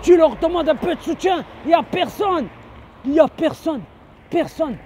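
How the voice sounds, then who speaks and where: A man's voice: extremely high pitch, lively intonation, normal speed, slight background noise. A man, giving an indignant religious reminder outdoors and repeating his phrases again and again. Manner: insistent, repeats phrases over and over; shouting indignantly. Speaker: online preacher.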